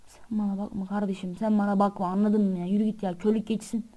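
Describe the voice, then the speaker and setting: A woman's voice: medium pitch, level tone, fast talker, dark tone, poor audio. A woman hosting a channel, giving frightened, pleading let's-play commentary on a horror game and swearing often. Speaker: gamer and channel host.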